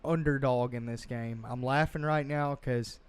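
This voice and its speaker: A man's voice: medium pitch, normal speed, smooth, no echo. A man hosting a casual sports podcast, joking and running through weekly picks. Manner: animated, joking, leads the picks. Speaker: podcast host.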